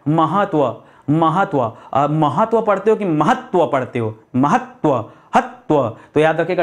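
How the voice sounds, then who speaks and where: Upbeat male Hindi teacher, higher voice. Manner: repeats questions to students, addresses them as friends; explains patiently with drawn-out key words. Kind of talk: exam-prep spelling lesson.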